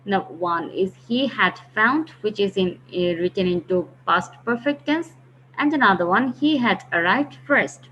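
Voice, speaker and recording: In a recorded online grammar lesson, a woman patiently explains and repeats key phrases. Her mid-range voice is a bit bright, with lively intonation and a slightly slow pace. The recording is dull and lo-fi, with faint hiss.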